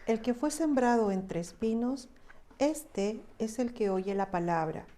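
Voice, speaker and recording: A woman reading a Bible passage aloud in a quiet, steady voice. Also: a little high, measured pace. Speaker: scripture reader.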